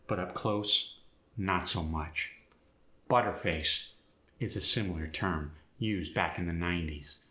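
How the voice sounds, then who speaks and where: Low, bright-voiced man teaching in a roomy space. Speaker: accent instructor. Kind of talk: instructional scripted narration. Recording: roomy echo.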